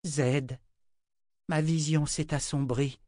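A gentle young woman with a quiet sorrow in her voice, as a male narrator puts her on. She speaks softly and fondly, a little above his own pitch. The sound is close and dry. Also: fairly even intonation, slow, no echo. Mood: wistful. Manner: soft, wistful.

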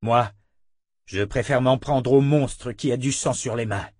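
A man's voice: medium pitch, unhurried, a little mellow, dry recording, studio quality, close to an everyday voice. Man voicing a grim vengeful young hero. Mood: resolute.

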